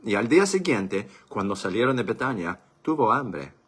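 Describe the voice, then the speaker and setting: A man reading scripture aloud for a church, in a measured and deliberate way. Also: fairly low pitch, big pitch swings, breathy edge. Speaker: church Bible reader.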